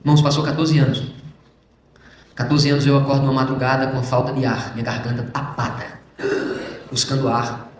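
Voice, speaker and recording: A man giving an emotional church testimony, speaking fervently to the congregation and swinging between loud and hushed passages. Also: mid-range voice, flat delivery, fairly quick, long pauses, slight background noise. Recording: very echoey church hall.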